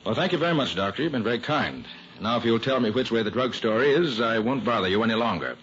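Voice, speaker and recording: An American actor playing a courteous, probing male detective, calm and persistent, in an old-time radio drama. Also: medium pitch, quick pace, over loud music, lightly acted. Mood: polite probing. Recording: noisy, muffled old radio recording.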